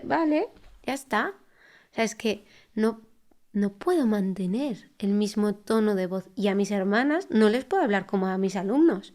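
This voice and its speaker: A woman who works as a speech therapist talks through her ideas as a podcast guest. Her pitch sits in a middle range. She speaks in a reflective, conversational way, restarting phrases and checking in with tag questions. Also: a little mellow. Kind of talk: conversational interview. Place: podcast recording.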